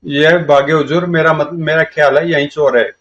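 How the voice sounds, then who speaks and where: A man reading a comic story aloud and voicing all of its characters in a lively way. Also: fairly high pitch, normal speed. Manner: lively, shifts between characters' lines. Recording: dull lo-fi recording.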